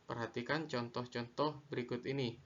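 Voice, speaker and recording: A man teaching a lesson on Quran recitation rules, slow and deliberate, repeating each definition. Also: mid-range voice, steady tone, fairly bright tone, dull audio. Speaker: religious studies teacher.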